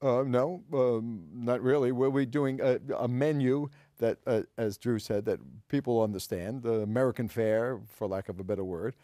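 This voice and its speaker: A man in his sixties, a restaurateur guest on a studio panel, speaking haltingly with restarts. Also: mid-range voice, dark tone, no room sound. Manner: halting, many fillers and restarts. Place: dark TV studio set. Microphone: lapel.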